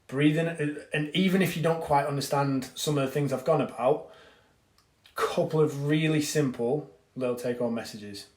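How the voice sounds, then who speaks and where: A fitness coach runs a casual live-stream breathing lesson, chatting, reading out viewer comments and answering them, and swearing casually. His voice is a little high and a little mellow at normal speed, in an echoey room.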